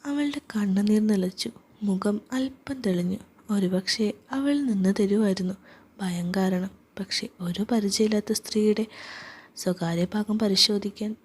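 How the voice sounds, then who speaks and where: A woman telling a first-person story in a hushed, whispered voice. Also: medium pitch, slightly rough.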